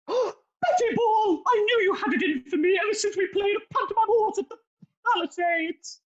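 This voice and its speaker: A woman playing a shrill, indignant pantomime actress in an amateur audio drama, crying out in outrage. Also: extremely slow, dark tone, lo-fi sound, heavily acted. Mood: outraged.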